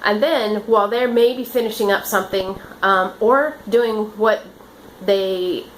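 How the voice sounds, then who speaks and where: Earnest rambling nurse telling stories. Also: female voice, medium pitch, measured pace, slight background noise, poor audio. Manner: rambling, earnest, with many restarts and fillers. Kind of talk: casual storytelling.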